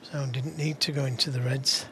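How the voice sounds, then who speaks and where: A man giving hushed, measured, analytical live snooker commentary as the co-commentator. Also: mid-range voice, steady tone, noisy background.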